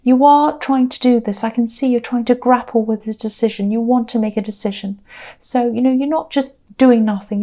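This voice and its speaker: A tired woman with a croaky voice reads tarot cards to her viewers. Her voice sits fairly high but has a mellow, warm tone. She reassures gently and says things more than once. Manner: gentle, reassuring, repeats herself, many fillers. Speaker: tarot reader. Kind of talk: tarot reading to camera.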